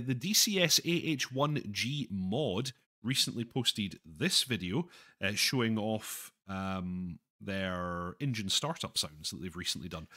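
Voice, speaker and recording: A man hosting a live stream, chatting casually with viewers, self-deprecating and halting, with many restarts. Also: fairly low pitch, sharp tone. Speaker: livestream host reading chat.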